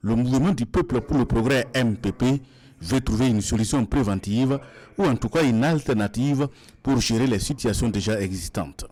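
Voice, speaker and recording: A man narrating a scripted TV news report in a steady, formal tone. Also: mid-range voice.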